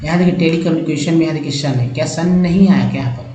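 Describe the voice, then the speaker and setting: This phonics teacher talks very fast in a fairly high, mellow voice, with poor, roomy audio. Working from slides, he drills letter groups and word sounds repetitively and emphatically addresses viewers as friends.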